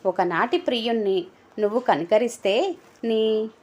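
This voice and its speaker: A sleazy young man from an audio storybook, crude and mocking, who talks with a leering, taunting edge. A woman reads him, keeping her own fairly high voice. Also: lively intonation, a little slow, a little mellow.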